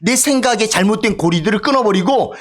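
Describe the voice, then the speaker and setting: A man's voice: sits high, lively intonation, quick pace. A male pastor delivering a sermon in a church, emphatic and calling out for amens from the congregation. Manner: emphatic, calls for amen from congregation. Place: church sanctuary.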